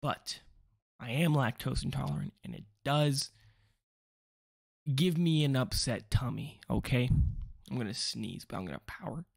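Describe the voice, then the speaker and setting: A young man with a gravelly, frayed edge to his voice rambles through a casual video, cutting himself off and tossing in jokey asides. The sound is close and dry, with almost no room around him. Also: medium pitch, no echo. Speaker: vlogger.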